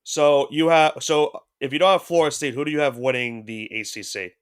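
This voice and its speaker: A man's medium-pitched voice runs a little fast and holds a steady tone while he co-hosts a sports podcast. He has a head cold, and his casual, rambling delivery is full of restarts and hedges.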